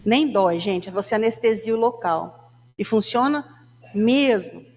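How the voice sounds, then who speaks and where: A Brazilian woman gives a spiritist talk in the lecture hall of a spiritist center, her voice carrying through the large space. She speaks a little slowly in an animated, darkish, mid-range voice, chatting and telling stories while often turning to the audience.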